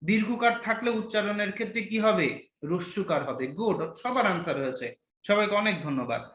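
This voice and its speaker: A young male teacher gives an online class. He quizzes his students and teases them playfully. His high, bright voice sounds in an echoey room. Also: animated, fairly quick. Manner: quizzes students and praises answers, playful teasing.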